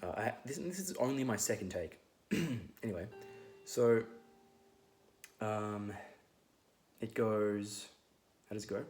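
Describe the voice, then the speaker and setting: A man with a hoarse voice giving a relaxed guitar lesson, rambling with many fillers as he explains the chords. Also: lowish voice, slow pace, pauses often. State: losing his voice. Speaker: guitar teacher. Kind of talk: casual guitar tutorial. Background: his own loud acoustic guitar playing.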